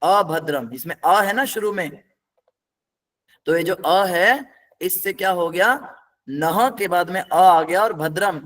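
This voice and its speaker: A man's voice: high-pitched, slow pace, fairly bright tone. A man teaching a scripture class, explaining word by word in a patient, step-by-step way and putting questions to his students.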